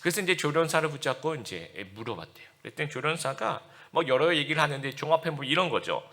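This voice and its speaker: A man's voice: on the high side, lively intonation, fast talker, sharp tone. A man preaching a Sunday sermon as pastor, explaining scripture in a conversational way, with asides to the congregation and acted-out quotes. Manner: acts out quoted speech in the passages he reads.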